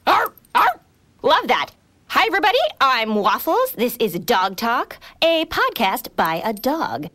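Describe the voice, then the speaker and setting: A woman's voice: a little high, very animated, takes it slowly, sharp tone, exaggerated voice. A woman voicing an eager, chatty pet dog who hosts a podcast, bouncy and easily distracted, in a children's audio comedy. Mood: excited.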